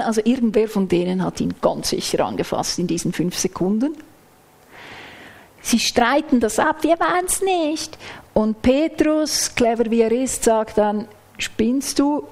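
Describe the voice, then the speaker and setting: A woman preaching a sermon in a measured, explanatory way, working through a Bible passage phrase by phrase. Now and then she sinks into soft, almost whispered asides. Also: a little high. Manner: explains text closely, acts out quoted lines.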